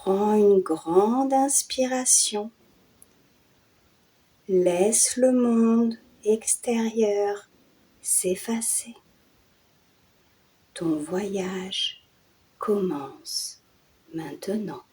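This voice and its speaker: In poor audio, a woman who hosts a channel guides a yoga nidra and hypnosis meditation. Her mid-range voice is hushed and soothing, her phrases short with breathy endings, separated by long pauses.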